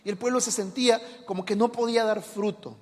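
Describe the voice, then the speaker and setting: A man's voice: high voice, steady tone, a little fast, darkish tone. A male pastor preaching a dramatic, emphatic sermon in a church hall.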